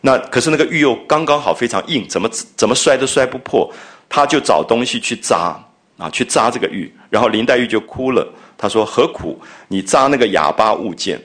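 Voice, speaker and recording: A man's voice: medium pitch, lively intonation, fairly quick, a bit bright. A man lecturing on a classic novel, explaining scenes in a conversational way and paraphrasing the characters' words with emphasis. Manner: conversational, paraphrasing and acting out quotes with rising emphasis.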